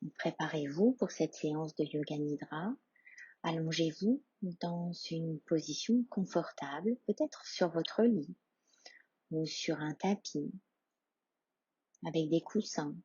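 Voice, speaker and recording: A female instructor guides a yoga nidra meditation in a hushed, calm, soothing voice that is low and husky. She speaks in short phrases separated by long pauses, and the recording is dull with no room sound.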